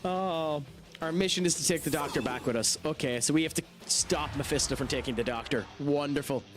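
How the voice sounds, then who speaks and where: A man's voice: on the high side, a little fast, music in the background. An Irish man streaming a game, chatting in an easygoing way and reading out chat. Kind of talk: casual live-stream chat.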